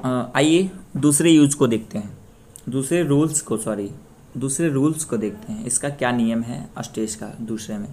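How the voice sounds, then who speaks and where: A young man from Bihar, India, teaching a Spanish pronunciation lesson, explaining rules plainly and repeating example words loudly with stressed syllables. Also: medium pitch, moderate pace, a little hiss or hum. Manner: plain explanatory tone, mixes English terms into speech. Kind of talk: slow screen-share language lesson.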